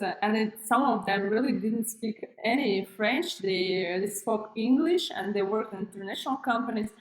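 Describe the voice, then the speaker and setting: Framed as on a video call, a Kazakh woman in her thirties who founded a school gives an online presentation via her computer's webcam, her phrasing full of fillers and false starts. Her voice is mid-range, the indoor room with its plain wall sounds echoey, and the recording is rough.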